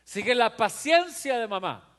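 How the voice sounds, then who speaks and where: A man's voice: very high-pitched, animated, unhurried, fairly bright tone. A man preaching a sermon as pastor, fervent and repetitive, acting out voices in his stories. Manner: fervent, repeats phrases for emphasis. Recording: long hall reverb.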